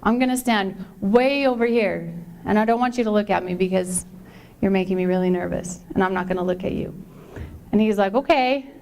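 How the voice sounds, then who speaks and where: A woman's voice: fairly quick, vocal fry. A middle-aged woman giving a conference talk as a personal story, chatty and acting out the dialogue she quotes. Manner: chatty, acts out quoted dialogue with lively pitch jumps. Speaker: conference speaker.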